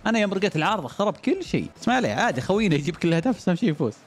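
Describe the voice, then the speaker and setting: An excitable young man talks through his gameplay at a rapid clip. His voice sits high and swings wildly, dropping to muttered complaints and leaping up into cheers. Faint music plays underneath. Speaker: gaming YouTuber. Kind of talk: live gameplay commentary.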